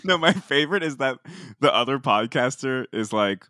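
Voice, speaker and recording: A man's voice: medium pitch, expressive, moderate pace, sharp tone, no room sound, clean studio sound. A man co-hosting a podcast in casual conversation, steering the chat with questions. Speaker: podcast co-host.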